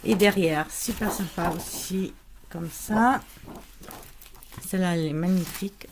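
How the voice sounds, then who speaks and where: A woman's voice: on the low side, measured pace, slight background noise. A woman chatting casually as she unboxes and shows scrapbooking paper, with lots of fillers and restarts. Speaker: scrapbooking vlogger.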